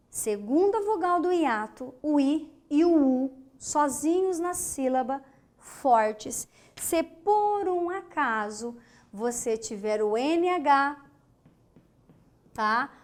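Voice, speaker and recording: A woman from Brazil teaching an online grammar lesson, speaking emphatically, asking questions and answering them herself, and spelling words out syllable by syllable. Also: high voice. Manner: slow, emphatic, asks and answers her own questions.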